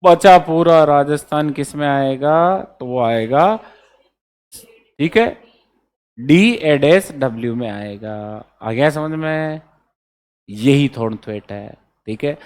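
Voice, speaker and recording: Pausing often and moving slowly, an exam-prep teacher with a slightly high, darkish, clean-toned voice drills his class on memory codes letter by letter. He repeatedly checks in with students and restates key points.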